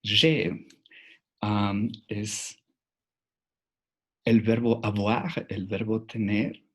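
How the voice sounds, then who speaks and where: A man's voice: fairly low pitch, little pitch movement, extremely slow, a bit bright. A man teaching a French lesson online, patient and repeating key words. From Mexico.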